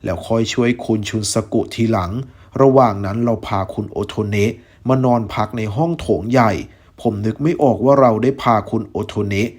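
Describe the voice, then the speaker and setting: A man's voice: medium pitch, normal speed, a little mellow, natural voice. A man reading as a puzzled, careful detective. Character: male detective, thoughtful and puzzled.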